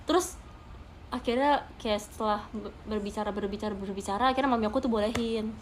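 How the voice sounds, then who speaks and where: A woman's voice: medium pitch, brisk, slight background noise. A young woman chatting casually on a livestream to her fans, laughing often and appealing to viewers with emphatic asides. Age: young adult. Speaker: idol streaming to fans.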